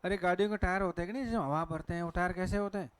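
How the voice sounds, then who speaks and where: A man's voice: sits high, rapid-fire, clear, resonant tone, no room sound. A man with a Hindi accent teaching pronunciation to a class at a board, asking questions and answering them himself. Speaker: English teacher.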